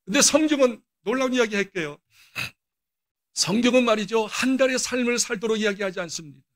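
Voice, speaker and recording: Older male pastor, higher-pitched voice, storytelling sermon with dramatic bursts. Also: brisk. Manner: storytelling, acts out quoted dialogue with sudden loud bursts. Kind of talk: sermon with personal stories.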